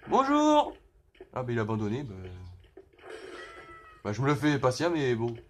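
A young man giving casual, excitable let's-play commentary, full of slang and outbursts at the game. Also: mid-range voice, fairly quick, slight background noise. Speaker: gaming youtuber.

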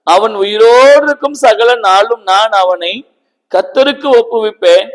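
A man's voice: high voice, a little slow, in a large hall, poor audio. A preacher voicing a grieving childless woman in prayer. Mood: solemn pleading. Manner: pleading, tearful prayer.

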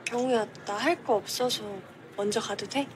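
A woman's voice: a little high, normal speed, lightly acted. A woman playing a mild, bored young schoolgirl in a casual TV drama scene, with keyboard clicks behind her. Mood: bored, polite. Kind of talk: Korean television drama acting, casual. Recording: clear background noise, keyboard clicks.

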